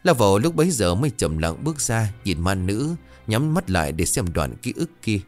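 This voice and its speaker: Deep, lively male horror storyteller, faint music underneath. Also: a little fast. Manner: dramatic, expressive. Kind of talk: ghost story narration.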